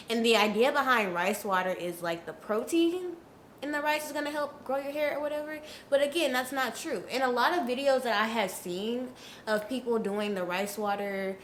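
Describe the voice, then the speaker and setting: Her voice is medium in pitch and a touch bright: a young woman with a stuffy nose from a cold, chatting frankly with viewers about hair care. She's a natural hair vlogger in a casual advice video, and the sound is reverberant with a faint hiss or hum.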